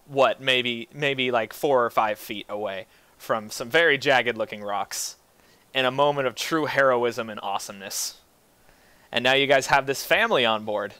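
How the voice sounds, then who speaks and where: A man's voice: mid-range voice, bright, forceful tone, clean tone, no echo. A man casually narrating a tabletop game as game master, with a wry, teasing manner.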